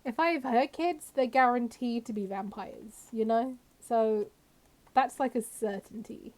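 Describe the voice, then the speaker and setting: Fairly high in pitch yet darkish in tone, a woman speaks a little slowly, her voice slightly scratchy from a cold. She casually talks to viewers and to the game's characters as she live-streams.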